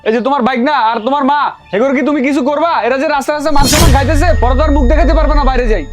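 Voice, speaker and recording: A man's voice: very high-pitched, steady tone, racing, soft background music. A man playing a whiny younger brother. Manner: complaining, agitated. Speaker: younger brother in a family drama. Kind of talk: television drama acting.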